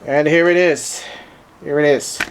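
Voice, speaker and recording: A gadget reviewer whose first language is German reviews and unboxes a handheld in German-accented English, musing aloud with frequent fillers. His voice is a little high with fairly even intonation and a slightly slow pace, over a faint hiss or hum.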